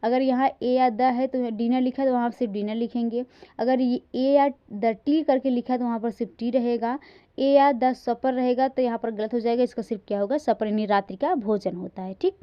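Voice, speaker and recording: High-voiced woman teaching grammar. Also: fairly even intonation, clear, resonant tone, muffled recording. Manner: reads example sentences slowly and stresses each word; often checks in with "ठीक". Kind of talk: classroom lecture.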